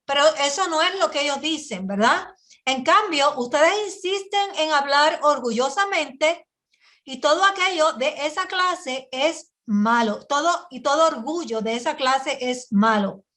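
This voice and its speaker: A woman's voice: high voice, animated, measured pace, fairly bright tone. A woman teaching a Bible study sermon, often asking her listeners "right?" as she explains. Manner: teaching with frequent rhetorical "¿verdad?" and restarts.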